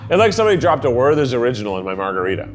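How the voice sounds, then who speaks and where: Animated, jokey man tasting drinks. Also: medium pitch, racing, faint music behind. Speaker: host. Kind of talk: casual tasting chat.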